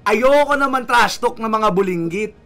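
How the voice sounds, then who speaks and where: A young man streaming a game and trash-talking an opponent, taunting and bursting into shouted insults. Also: sits high, lively intonation, normal speed, vocal fry, crowd noise. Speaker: gaming streamer. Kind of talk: mocking trash talk over game voice chat.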